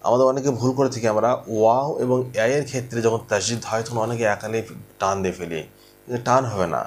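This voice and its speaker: A man teaching a recorded Quran reading lesson at a board. He patiently repeats each point and slowly draws out the sounds he demonstrates. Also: medium pitch. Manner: slow, drawn-out demonstration of sounds.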